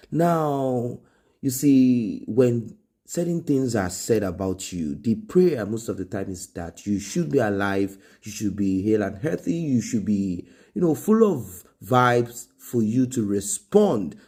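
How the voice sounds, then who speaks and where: Speaking in a lowish, mellow and husky voice, a Nigerian-accented man hosts a gossip show with informal commentary. His style is conversational and explanatory, with repeated phrases for emphasis.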